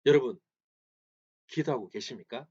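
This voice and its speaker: A man's voice: mid-range voice, normal speed, darkish tone, husky. A male pastor preaching a sermon in church, asking the congregation questions, answering them himself and repeating phrases for emphasis. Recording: slightly dull lo-fi recording.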